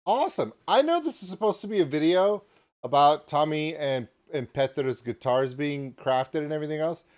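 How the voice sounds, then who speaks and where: A man hosting a reaction video, talking in a rambling, excitable way and joking at his own expense. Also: fairly high pitch, moderate pace. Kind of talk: reaction commentary.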